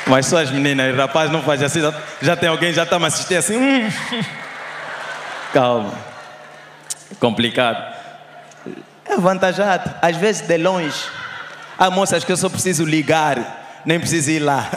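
Angolan stand-up comic in echoey hall. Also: male voice, on the high side, lively intonation, normal speed, pauses often, slight background noise. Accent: Angolan Portuguese. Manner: loud crowd-teasing banter, shouted punchlines. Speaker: stand-up comedian. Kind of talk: live stand-up comedy. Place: live comedy show on stage.

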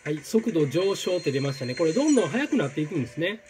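A man commentating his own gameplay, exclaiming and repeating words in quick bursts. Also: a little high, big pitch swings, over music. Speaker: game streamer. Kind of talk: excited let's-play commentary.

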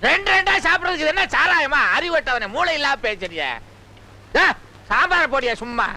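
A grumpy, complaining wedding guest. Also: male voice, extremely high pitch, lively intonation, normal speed, creaky, sharp tone, a little hiss or hum, full character voice. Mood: grumbling. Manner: complaining, indignant. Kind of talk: film comedy dialogue.

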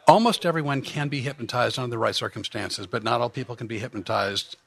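Gravelly joking man, guest comedian hypnotist. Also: medium pitch, fast talker. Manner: joking, self-deprecating, explains at length with restarts. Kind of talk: casual podcast chat.

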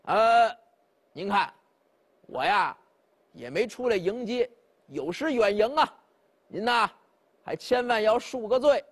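A man's voice: high-pitched, animated, takes it slowly, long pauses, full character voice. Man playing a wry drunken old hermit. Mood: wry, aloof.

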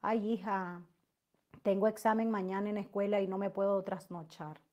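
A middle-aged woman hosting a live stream, reading out viewer messages and answering them in a loud, emotive, long-winded way. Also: medium pitch, fairly even intonation, normal speed, lo-fi sound. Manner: loud, emotive, talks at length. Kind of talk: casual live chat.

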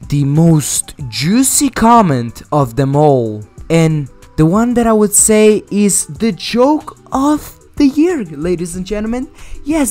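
A man's voice: a little high, a little mellow. A young man hosting casual comedic commentary, joking crudely and rambling. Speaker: commentary YouTuber.

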